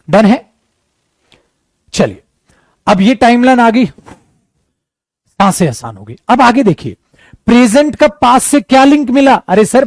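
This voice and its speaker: A man with an Indian accent teaching a grammar lesson to students in a lively way, teasing and scolding them, sometimes slowing into careful English. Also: high voice, no room sound. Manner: switches into slow English.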